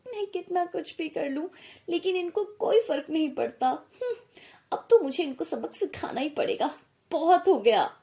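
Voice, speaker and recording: A young new bride, voiced by a woman in an animated storybook, plaintive and tearful yet scheming underneath. Her voice is extremely high and thin, almost childlike. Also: moderate pace. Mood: resentful.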